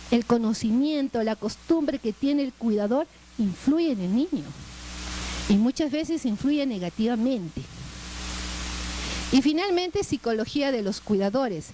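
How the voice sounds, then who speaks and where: A middle-aged Peruvian woman lectures a class in a conversational way, often tagging her sentences with "¿no?" in her Peruvian Spanish accent. Her fairly high, warm voice has lively intonation and a slightly slow pace. The low-quality recording carries slight background noise.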